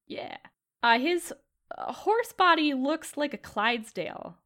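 A woman's voice: high-pitched, big pitch swings, measured pace, fairly bright tone. A woman narrating a tabletop game as game master, chatty, with many fillers.

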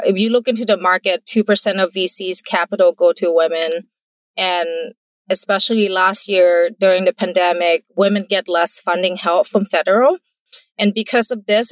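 A woman entrepreneur from Thailand answers casual interview questions as a guest, speaking in a Thai accent at medium pitch with no echo. She is earnest and careful, laughing easily.

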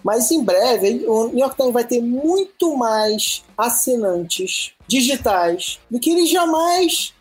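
A woman with a Brazilian Portuguese accent, a podcast panelist talking in an animated, emphatic way and often tagging questions onto her sentences. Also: on the high side, slow pace, hardly any pauses, faint music behind. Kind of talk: casual podcast discussion.

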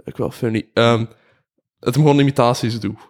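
A man's voice: medium pitch, fairly even intonation, brisk, darkish tone. Hesitant Flemish man chatting. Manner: hesitant, many restarts, laughs easily. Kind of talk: casual chat.

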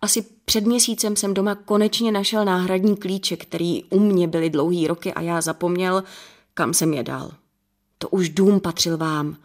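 A woman's voice: on the low side, fairly even intonation, natural voice. A woman reading the part of a stocky, apologetic village man in his sixties, explaining himself earnestly in an audiobook.

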